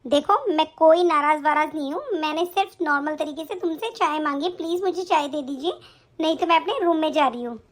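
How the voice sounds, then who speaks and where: A woman's voice: sits high, a little fast, lightly acted. A woman doing a snappish defiant young bride. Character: angry young woman, new bride turned rude. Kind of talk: animated story voice acting.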